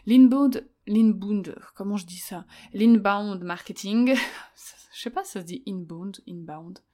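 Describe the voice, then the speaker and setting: A woman's voice: medium pitch, a little slow, a little mellow. A woman hosting a solo podcast, giving advice in a chatty way with many fillers and restarts. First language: French. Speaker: podcast host.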